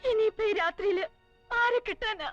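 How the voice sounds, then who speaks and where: A tearful, pleading wife. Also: female voice, very high voice, normal speed, muffled recording, music in the background. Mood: anxious. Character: anxious, grieving wife, worried for her brother. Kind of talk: film drama acting.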